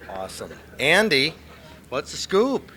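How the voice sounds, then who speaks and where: A man's voice: on the high side, huge pitch swings, unhurried, sharp tone. A man hosting casual interviews out in the field, folksy and enthusiastic in the way he talks. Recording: faint background noise, field recording.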